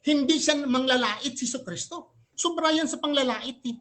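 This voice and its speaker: A man argues in a religious debate, and his delivery is forceful and emphatic. He keeps challenging the other side with rhetorical questions and switches languages freely as he talks. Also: very high voice, moderate pace. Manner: switches between Tagalog and English mid-sentence. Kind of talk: live religious debate argument.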